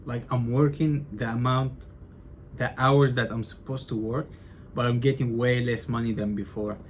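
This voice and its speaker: A man's voice: medium pitch, fairly even intonation, moderate pace, a little hiss or hum. Chatty young man vlogging casually. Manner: loose and chatty, says bro and like a lot, stutters. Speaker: vlogger documenting his business. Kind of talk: casual talking-to-camera vlog.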